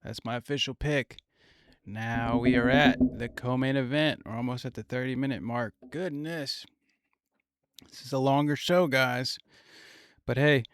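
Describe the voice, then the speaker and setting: A man's voice: mid-range voice, smooth, no room sound, clean studio sound. A young man hosting a casual fight podcast, rambling through his picks with plenty of swearing. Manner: rambling, profane, thinks aloud. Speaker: podcast host.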